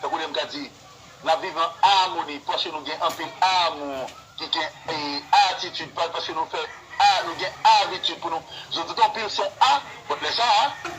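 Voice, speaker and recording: A man's voice: on the high side, expressive, moderate pace, bright, forceful tone, slight background noise, poor audio. A man with a Haitian accent teaching rap wordplay on a live stream, explaining with examples and dropping fillers like "yo".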